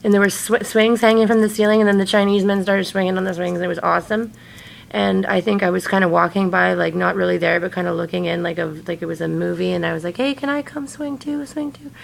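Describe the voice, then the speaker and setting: A woman's voice: lowish voice, level tone, fast talker, gravelly, slight background noise. A woman talking casually to camera in a hazy, wandering way, slangy and sweary, saying "like" often and drifting between thoughts. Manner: slangy and sweary, heavy use of "like". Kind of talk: casual rambling personal talk to camera.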